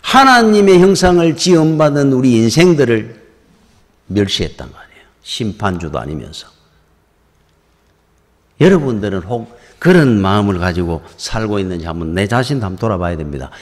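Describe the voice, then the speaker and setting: This middle-aged pastor speaks at a normal speed in a lowish voice, his Gyeongsang accent clear as he tells stories during a lively, chatty sermon. The sound echoes through the church sanctuary.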